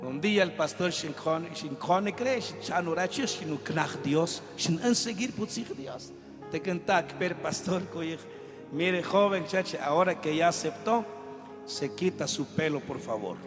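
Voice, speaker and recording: A man's voice: on the high side, animated, a little slow. A man preaching a sermon, with a fervent, joking delivery. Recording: reverberant hall with music behind.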